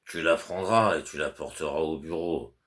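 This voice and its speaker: Reading an audiobook at normal speed, a man with a very deep, fairly bright voice plays a fussy, anxious middle-aged clerk. The character sounds flustered and insistent, stammering, repeating fillers, and fussily over-explaining his orders.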